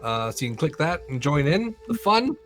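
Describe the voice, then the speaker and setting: A man running a tabletop game on a live stream, explaining the rules in a relaxed, enthusiastic way and swearing casually. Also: fairly high pitch, normal speed, soft background music. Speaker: game master.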